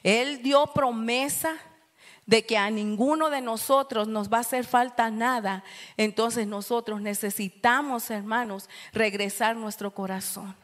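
A woman giving a calm, earnest sermon-style teaching in church. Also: on the high side, a little slow. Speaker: church speaker.

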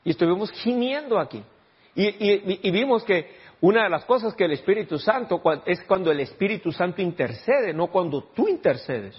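A man's voice: high voice, animated, normal speed, breathy edge, dull audio. A male pastor preaching a sermon, often turning to the congregation with questions. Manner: keeps asking the congregation rhetorical questions.

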